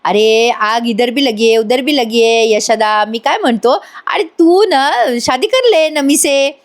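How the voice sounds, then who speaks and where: A brash young village man who bosses his friends around and teases them with quick jokes, voiced by a woman retelling a serial. The voice sits high. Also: natural voice. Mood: bossy.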